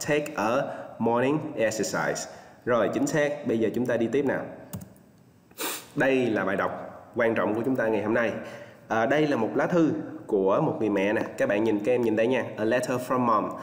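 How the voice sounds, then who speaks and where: A male teacher with a Vietnamese accent giving an online English lesson, drilling pronunciation and repeating words slowly for his students. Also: mid-range voice. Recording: echoey room with long reverb.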